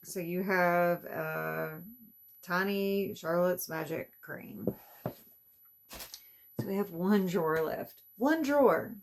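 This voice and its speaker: A woman talks casually through an unboxing in a low voice with a gravelly edge. She grumbles and complains as she goes, swearing now and then. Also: steady tone, takes it slowly, long pauses. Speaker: beauty vlogger.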